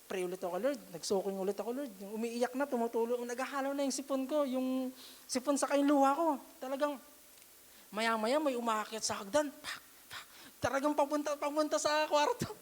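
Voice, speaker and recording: A woman's voice: high voice, fairly even intonation, brisk. Woman giving church testimony, echoing hall. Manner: emotional storytelling, asks congregation "Amen?". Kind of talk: Tagalog testimony sermon. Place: church midweek service. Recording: long hall reverb.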